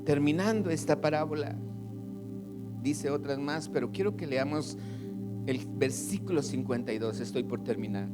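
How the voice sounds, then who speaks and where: Mexican male pastor, lively sermon delivery, higher-pitched voice, music bed behind. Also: normal speed. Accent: Mexican Spanish. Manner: animated preaching, acting out imagined voices of congregants.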